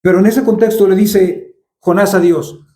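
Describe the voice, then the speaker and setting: A man's voice: sits high, fairly even intonation, moderate pace, mellow, roomy sound. A man preaching a sermon, firing rhetorical questions and acting out everyday dialogue. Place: church hall.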